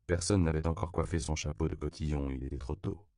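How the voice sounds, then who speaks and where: A man narrating an audiobook in a measured, steady reading style. His voice is very low and gravelly, with a dark, mellow tone. The recording is dry and close, with no room sound. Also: dry recording. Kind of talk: scripted narration.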